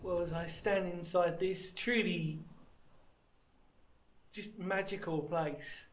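A man in his thirties with a slightly higher voice walks through a sandstone cave and the surrounding woods, filming himself at arm's length. He rambles warmly about the spot, stops mid-thought and corrects himself, and sounds openly delighted to be there. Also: fairly even intonation, slow, slight background noise. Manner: rambling, enthusiastic, self-correcting. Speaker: history explorer vlogger. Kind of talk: walking vlog to camera. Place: outdoors in a sandstone cave and woodland. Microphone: handheld camera at arm's length.

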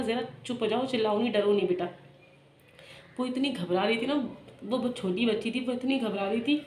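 A woman, telling a personal story in a vlog in an emotional, halting way. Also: high voice, a little mellow. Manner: emotional, halting retelling with many restarts. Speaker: vlogger. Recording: echoey room with faint noise.

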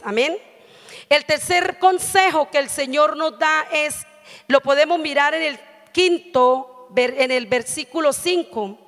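Woman, middle-aged, sermon, high voice, earnest, handheld mic, long church reverb. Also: a bit bright. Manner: earnest, frequent "amén" and "¿sí?" checks. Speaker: preacher. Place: church stage at a pulpit.

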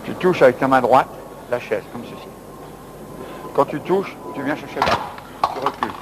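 A man coaching an exercise session indoors, giving brisk counted commands and encouragement. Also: medium pitch, animated, noisy background. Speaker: fitness coach.

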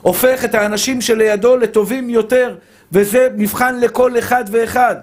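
A man's voice: very high-pitched, fairly even intonation. A male rabbi giving a Torah lesson to a live audience, speaking emphatically, repeating phrases and calling his listeners dear brothers.

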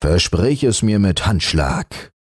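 A man's voice: low voice, very animated, takes it slowly, breathy edge, dry recording, clean studio sound, heavily acted. A man voicing an ancient, dignified monkey king in a fairy tale audiobook, grave and majestic. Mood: stern.

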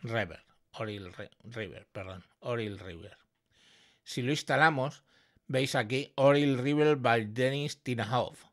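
Man, tutorial presenter, unhurried, step-by-step explaining. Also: mid-range voice. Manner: explanatory, frequent "¿vale?" check-ins. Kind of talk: screen-recorded software tutorial. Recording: echoey processed signal through audio effects.

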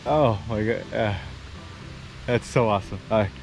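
A man commenting excitedly from a small boat on a river, exclaiming as he talks to his viewers. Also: lowish voice, normal speed, faint music behind, poor audio. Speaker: fishing vlogger. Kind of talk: casual vlog commentary. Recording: wind and boat noise behind.

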